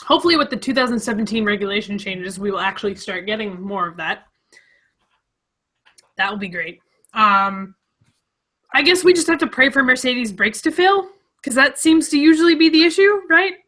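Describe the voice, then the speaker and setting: Woman podcast cohost, bright voice, kinda high, excitable and giggly. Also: normal speed. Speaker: podcast co-host. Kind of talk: casual chat.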